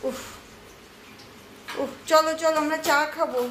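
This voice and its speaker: A woman's voice: sits high, fairly even intonation, unhurried, fairly bright tone. A woman at home talking baby-talk to her pet, coaxing and sing-song, repeating words over and over. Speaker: pet owner. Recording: echoey room with noise.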